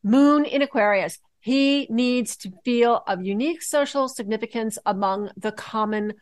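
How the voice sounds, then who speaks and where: Woman, podcast co-host, rambling, excitable, higher pitch, dry close sound. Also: unhurried, no room sound. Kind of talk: casual political and astrology chat.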